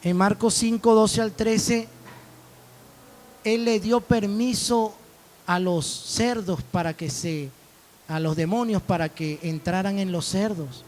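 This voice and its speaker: A man's voice: high-pitched, slow pace, a little mellow, slight background noise. A man preaching a sermon as pastor, telling stories and acting out dialogue. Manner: storytelling preacher, quoting dialogue.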